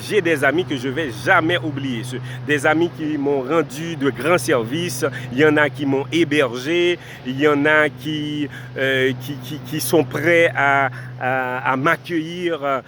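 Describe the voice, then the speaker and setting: With a fairly high, fairly bright voice and a little background noise, a Haitian vlogger who speaks Haitian Creole as his first language offers sincere life advice outside. Talking straight to the camera, he speaks to viewers formally and restates his points to stress them.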